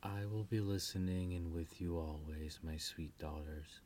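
Storybook fairy queen and mother, regal yet tender, low and breathy near-whisper, voiced by a woman. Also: a little slow. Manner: soft, comforting, near-whispered.

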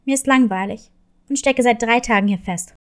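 A woman voicing a grumpy, suspicious male wolf in a children's story, speaking gruffly and loudly. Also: on the high side, normal speed, voice pushed down, close to an everyday voice. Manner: gruff, growling, gets loud. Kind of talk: storybook reading.

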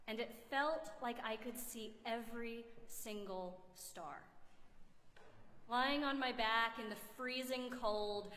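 Woman preacher, kinda high voice, telling a story slow and measured, big echoey church sound from a ways off. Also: fairly bright tone, slight background noise. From United States. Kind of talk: gospel reading and sermon. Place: large church sanctuary. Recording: echoey church hall from a distance.

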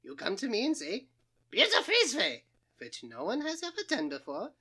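A woman plays a manic male mad scientist with a thick put-on German accent, blustering and cackling through a comic radio play. The voice is high and bright, and it swoops wildly up and down. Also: wildly swooping pitch, normal speed, breathy edge, exaggerated voice. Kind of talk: comic old-time radio play acting.

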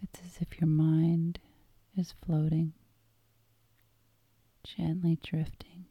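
A woman guiding a hypnosis meditation in a calm, soothing tone, soft and breathy, often close to a whisper. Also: deep voice, takes it slowly, no room sound, highs cut off. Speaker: hypnosis guide.

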